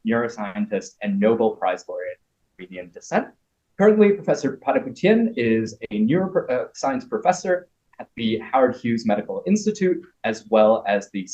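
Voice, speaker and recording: A man opens an event with a formal introduction, reading prepared lines with hesitant fillers in between. His voice is mellow and dark but moves widely in pitch. The audio is muffled and lo-fi. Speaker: event host introducing a speaker. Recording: dull lo-fi audio.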